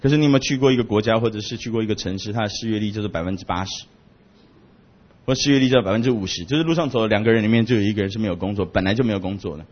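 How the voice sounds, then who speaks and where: A man from Taiwan, a missionary giving a humorous storytelling talk in an animated, joking way. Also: rapid-fire, dull audio. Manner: animated, jokey, big swings in pitch and loudness.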